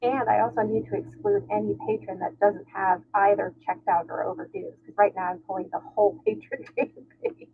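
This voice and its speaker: A woman's voice: mid-range voice, fairly even intonation, fairly quick, hardly any pauses. Woman through a tunnel-like, muffled mic. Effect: muffled tunnel-like sound from a bad microphone. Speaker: library staff member asking a question. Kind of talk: casual online meeting question. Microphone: poor computer microphone on a video call. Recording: tinny, muffled call audio with faint noise.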